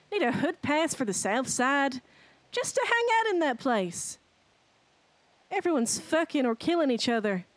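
A woman's voice: on the high side, no room sound. A young woman giving a theatrical, mock-passionate dramatic read of lyrics in a roleplay game, close on the mic. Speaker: GTA roleplay streamer in character.

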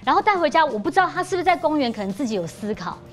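A woman, a mother on a TV talk show, telling an anecdote in a lively way and acting out what was said. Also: sits high, racing, faint music behind. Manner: lively, acts out quotes. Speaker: guest, mother. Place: TV studio.

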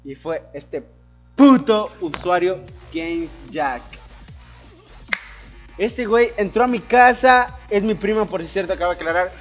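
A man's voice: high-pitched, animated, measured pace, long pauses, faint music behind. A young man from Ecuador, a YouTuber answering viewer questions in a boisterous, crude, joking way with lots of swearing. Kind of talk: casual Q&A voice-over over gameplay.

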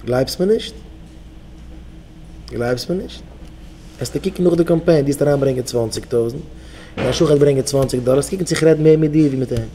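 Mellow-voiced rabbi exhorting his students. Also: mid-range voice, fast, a little hiss or hum. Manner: exhorting, leads the crowd in call-and-response chants. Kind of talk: Yiddish sermon to yeshiva students.

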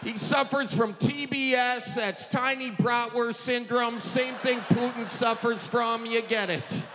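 A man in his thirties with an Upper Midwestern accent, doing animated, folksy stand-up into a handheld mic on a theater stage. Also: very high voice, a little slow. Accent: Upper Midwestern American. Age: 30s. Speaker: stand-up comedian. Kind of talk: stand-up comedy. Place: large theater stage before an audience. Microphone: handheld microphone held close. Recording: reverberant theater, faint audience noise.

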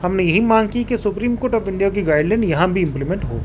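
A man in a small indoor office sits on a sofa, answering formally as a local politician and mixing English terms into his explanations. His high voice has a darkish tone and a quick pace. A handheld reporter mic is held toward him, and background room noise is clearly audible.

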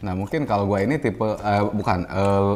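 Laid-back low-voiced young man. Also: normal speed, darkish tone. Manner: laid-back, hesitant, many fillers. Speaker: streamer guest. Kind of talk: casual chat.

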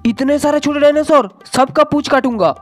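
A man's voice: extremely high pitch, fairly quick. A young man giving playful, dramatic comic gameplay commentary, bantering with his own characters. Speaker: gaming channel host. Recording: faint game music behind.

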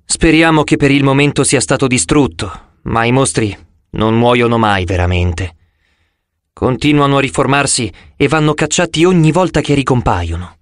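A man voicing a calm, gentle goddess who speaks slowly and formally in an audiobook. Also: medium pitch, no echo, studio quality, lightly acted. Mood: solemn. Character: young-looking goddess, calm, gentle and ancient.

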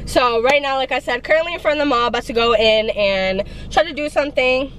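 A woman's voice: high-pitched, brisk, a bit bright, a little hiss or hum, low-quality recording. A young woman vlogging in casual chat from her car, talking straight to her viewers and saying "like" and "you guys" a lot. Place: in her car, driving around town.

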